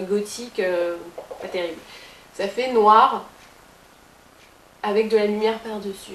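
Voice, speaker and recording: A woman giving a casual makeup tutorial as a beauty blogger, chatty, with playful asides to her viewers. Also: mid-range voice. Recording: roomy with faint hiss.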